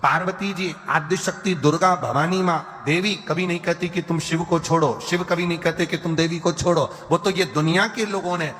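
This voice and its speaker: Male preacher, Madhya Pradesh accent, fervent and repetitive, slightly high voice, long hall reverb. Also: steady tone, fairly bright tone. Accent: Madhya Pradesh Hindi. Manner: impassioned, repetitive, slow drawn-out singing of verses. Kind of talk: sermon with sung verses.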